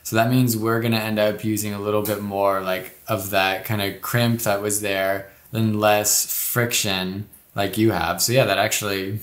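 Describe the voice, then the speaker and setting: A man co-hosting a casual climbing technique breakdown, his voice sitting a little low. He rambles and restarts as he thinks aloud. The recording carries a noticeable room echo. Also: flat delivery, normal speed, hardly any pauses, fairly bright tone. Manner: loose and rambling, many restarts and "like" fillers. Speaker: co-host breaking down climbing footage.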